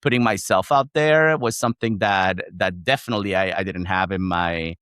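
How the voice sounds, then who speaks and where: Man, chilean spanish accent, spanish native speaker, lowish voice, reflective, frequent restarts, dry sound. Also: moderate pace, a bit bright, smooth, dry recording. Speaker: podcast guest. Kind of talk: conversational interview.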